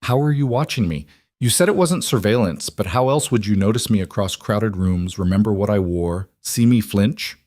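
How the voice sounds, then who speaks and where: A man reading a young woman's lines in a story, speaking in a sharp, accusing way with a raised voice. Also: lowish voice, expressive, moderate pace, no room sound, studio quality, close to an everyday voice. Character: young woman, wary bride, hurt and angry.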